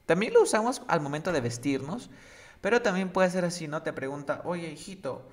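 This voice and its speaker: A man's voice: a little high, fairly quick. Upbeat man teaching slang. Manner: lively, checks understanding often. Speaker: English teacher. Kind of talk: casual slang lesson.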